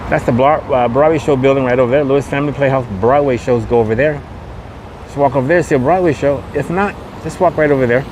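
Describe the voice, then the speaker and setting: Windy street noise surrounds a fast-talking man with a mid-range voice as he hosts a laid-back walking tour podcast outside a shopping mall. A vlogger and podcast host, he repeats himself in tour-guide patter, recorded through a camera microphone fitted with a wind guard.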